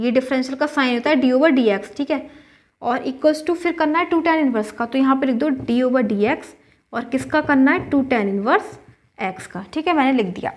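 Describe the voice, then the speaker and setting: Woman, high voice, math teacher, patient step-by-step explanation. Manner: patient, checks in often with "theek hai".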